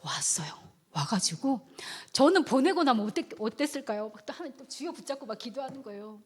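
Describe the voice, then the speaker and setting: A woman giving a personal testimony at a worship service, telling her story lively, acting out what people said and dropping into hushed asides. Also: sits high, brisk, husky. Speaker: church member giving a testimony. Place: church sanctuary. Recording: long reverb of a church hall.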